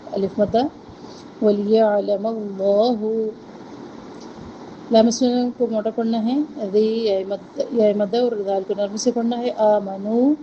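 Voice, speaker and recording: A woman teaching Quran recitation in a lesson. Her voice is very dark and mellow with a flat, even pitch. She recites slowly and explains the rules briskly, on a dull lo-fi recording with faint hiss.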